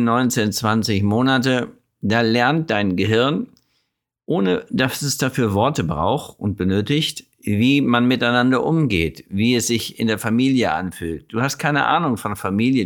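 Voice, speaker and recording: A man talks through psychological ideas in a steady, explanatory way, speaking straight to the listener. He poses rhetorical questions, then answers them himself. He often stops mid-sentence to correct his own wording. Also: medium pitch. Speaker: self-help video presenter. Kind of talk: explanatory monologue addressing the listener directly.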